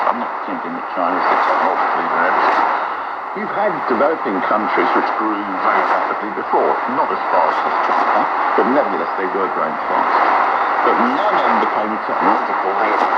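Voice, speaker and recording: A man speaking as an economist guest in a radio interview. He explains emphatically and repeats his key phrases. He is heard through fading shortwave radio reception. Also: lowish voice. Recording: noisy lo-fi shortwave broadcast.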